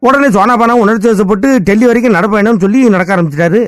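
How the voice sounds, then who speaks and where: A man's voice: sits high, very fast. A man with a Tirunelveli Tamil accent, chatting in a folksy, storytelling way in a scripted radio ad. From Tirunelveli, Tamil Nadu. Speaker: radio ad character, Mobile Vaayan.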